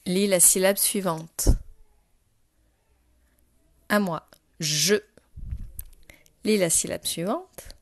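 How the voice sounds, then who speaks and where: A woman's voice: medium pitch, fairly even intonation, takes it slowly, pauses often, dry recording, clean studio sound. A woman teaching phonics to a young child, speaking patiently and directly to the learner. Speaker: primary school teacher.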